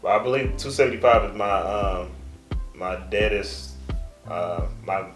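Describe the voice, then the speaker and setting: A young man with a low voice talks loosely and casually, trailing off into fillers as he goes. His voice bounces around an echoey room. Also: unhurried, faint music behind. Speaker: co-host. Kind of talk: casual chat.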